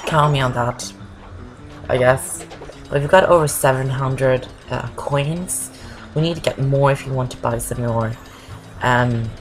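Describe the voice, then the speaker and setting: Over loud game music, a Norwegian woman with a bass voice, not an English speaker, rambles casually through a game walkthrough as a gameplay commentator. She says "I guess" a lot, and the audio is poor.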